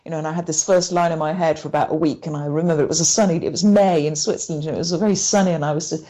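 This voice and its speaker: A woman with a low, mellow voice speaks as a guest in a conversational interview. She talks haltingly and often stops and restarts her sentences as she recounts events. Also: fairly even intonation.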